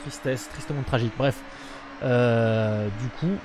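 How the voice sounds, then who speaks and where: He speaks at a medium pitch and a measured pace. The young man is live-streaming casually from his home room via webcam, rambling and using many fillers, over a noisy feed with game sounds.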